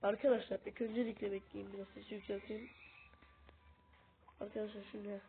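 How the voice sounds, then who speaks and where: A woman's voice: medium pitch, little pitch movement, a little fast, gravelly, narrow, tinny audio. A woman sounding a bit under the weather gives casual gameplay commentary and keeps calling out to her viewers as friends. Her voice comes through thin and boxy, as from a tablet's built-in mic, with a faint hiss underneath. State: sick. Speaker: gaming video host.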